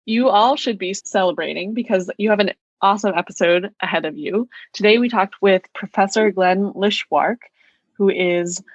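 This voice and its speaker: A woman's voice: mid-range voice, no echo, muffled recording. Young woman co-host, dry close sound. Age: young adult. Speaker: podcast co-host. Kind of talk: casual podcast chat.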